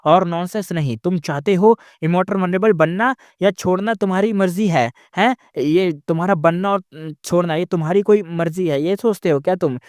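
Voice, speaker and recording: A man's voice: high-pitched, moderate pace, hardly any pauses, darkish tone, no echo, studio quality, natural voice. A man doing a harsh, scolding old master. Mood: angry scolding. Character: stern, angry old male master immortal.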